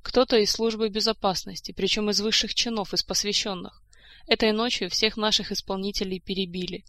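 Женщина читает за отчаявшегося короля. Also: female voice, medium pitch, fairly even intonation, a little fast, pushed and bright, dry recording, natural voice. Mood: despairing. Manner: weary, bitter, speaks in long outpourings. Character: grieving despairing adult male king.

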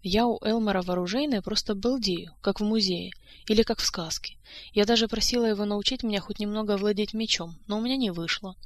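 A woman reading a lively, outspoken young woman. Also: medium pitch, a little fast, natural voice. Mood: eager. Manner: eager, indignant. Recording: dry close-mic studio sound.

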